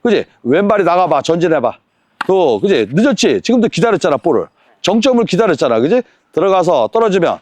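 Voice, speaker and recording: A man coaching a tennis lesson on court, counting drills and firing quick rhetorical questions at his student. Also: high voice, big pitch swings, darkish tone, no echo.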